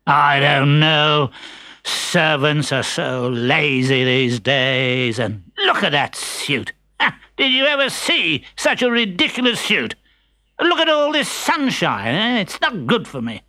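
A man voicing a grumpy old miser who claims to be sick, whining and complaining in a raised pitch. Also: sing-song, slow pace, sharp tone, no echo, exaggerated voice. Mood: grumbling. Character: grumbling old male miser, hypochondriac.

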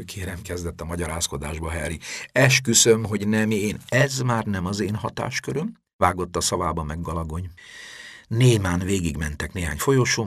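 A man with a very low, husky voice narrates an audiobook with dramatic flair. His pitch swings widely as he builds and releases tension. The recording is close and dry, with no room sound. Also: a bit bright, no room sound. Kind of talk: expressive scripted narration.

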